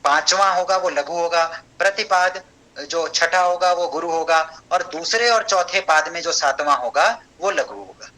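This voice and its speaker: A man teaching an online Sanskrit class, explaining step by step, checking understanding and chanting verses slowly. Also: on the high side, pushed and bright, low-quality recording.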